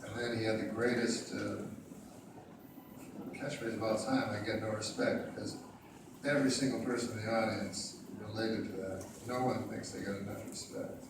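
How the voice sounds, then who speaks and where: A man's voice: lowish voice, little pitch movement, normal speed, vocal fry, background noise. A man in his fifties from Canada telling crude, rambling anecdotes at a bookstore talk. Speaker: author at a book talk. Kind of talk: casual storytelling Q&A. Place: bookstore event in front of an audience. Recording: echoey room, distant mic.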